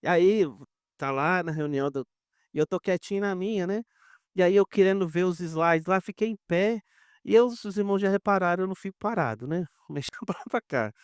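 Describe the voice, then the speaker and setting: High-voiced Brazilian pastor telling stories. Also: male voice, a little fast, clean tone, dry recording, studio quality. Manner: animated storyteller, addresses the congregation directly; acts out quoted dialogue. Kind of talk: conversational sermon with personal stories.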